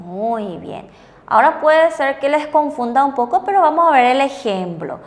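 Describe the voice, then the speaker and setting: Woman teaching a lesson, high voice, keeps asking if you got it. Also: very animated, normal speed, long reverb tail. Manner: patient, checks understanding with frequent rhetorical questions. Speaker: Korean language teacher. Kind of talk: bilingual classroom lesson on TV.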